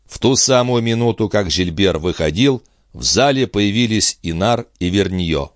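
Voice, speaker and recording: Low-voiced male audiobook narrator. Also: lively intonation, moderate pace, no room sound, studio quality. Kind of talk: scripted narration.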